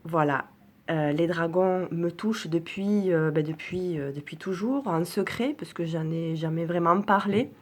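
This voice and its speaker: French woman, low-pitched, hesitant and earnest, casual presenter, lots of fillers. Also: unhurried. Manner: hesitant, many fillers and restarts; soft, earnest, enthusiastic. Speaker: oracle card reviewer. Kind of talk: casual spoken product presentation.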